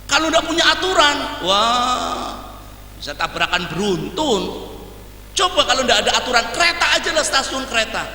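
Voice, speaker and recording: A man's voice: very high voice, moderate pace. A man preaching a sermon in a conversational teaching style, acting out everyday scenes and mixing in Javanese and Arabic phrases. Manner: animated, acts out everyday scenes. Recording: echoey hall, voice from far off, faint hum.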